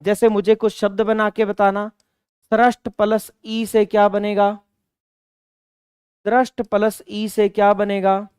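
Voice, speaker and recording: A man's voice: high voice, monotone, slow pace, long pauses, a little mellow, smooth, no room sound, studio quality. A man teaching an online exam-prep grammar lesson. He asks his own questions, answers them, and repeats and stresses key words.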